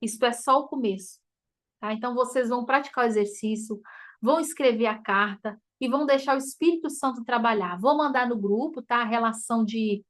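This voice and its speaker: Brazilian woman teaching a faith class, high voice, chatty and emotional, laughs a lot. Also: fairly quick. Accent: Brazilian Portuguese. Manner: chatty and emotive, addressing listeners as "gente", laughs often. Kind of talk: informal teaching talk to a group.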